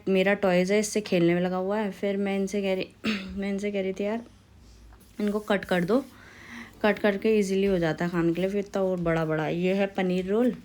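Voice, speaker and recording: A woman's voice: mid-range voice, darkish tone. A young woman from India with a Pahari Hindi accent, vlogging casually at home with a phone camera, chatting and cooing at her toddler.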